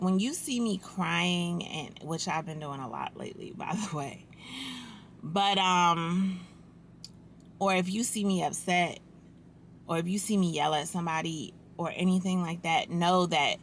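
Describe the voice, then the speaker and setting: A woman vlogger, telling a casual storytime in an unhurried, reflective way with restarts. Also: on the low side, fairly bright tone, slight background noise.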